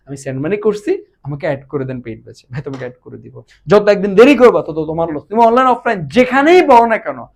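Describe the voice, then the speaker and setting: A man gives an online exam-prep lesson in a high, very animated voice that leaps up and down between phrases. He keeps firing questions at his students and drags example words out slowly to demonstrate. He talks to them in a casual, brotherly way. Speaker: Bengali admission tutor.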